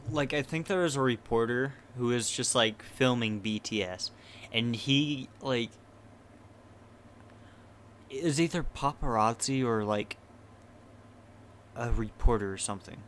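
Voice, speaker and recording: Young man, podcast co-host, slow rambling chat, faint background hiss. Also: medium pitch, a bit bright. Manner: slow and rambling, heavy on "like", mocking voices from ads. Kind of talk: casual chat.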